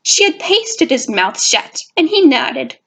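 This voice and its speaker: A woman's voice: high voice, very animated, takes it slowly, creaky, fairly bright tone, husky, exaggerated voice, rough recording. A woman narrating her fan fiction in a put-on jazzy girl voice. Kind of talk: fan fiction audio reading.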